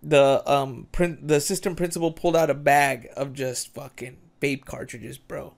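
A man's voice: mid-range voice, fairly even intonation, moderate pace, vocal fry. A man co-hosting a casual podcast, laid-back and swearing freely between dudes and bros. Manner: laid-back, swears a lot, says dude and bro. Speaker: podcast co-host. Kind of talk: casual chat.

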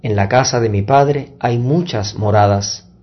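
A man speaking as a priest at Mass, measured and deliberate, in solemn liturgical reading and preaching. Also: medium pitch, highs cut off. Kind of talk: solemn Gospel reading and homily. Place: church Mass livestream.

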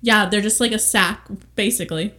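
A young woman co-hosting a casual true-crime podcast, telling a story in a chatty, giggly, animated way. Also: medium pitch, fairly quick. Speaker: podcast co-host.

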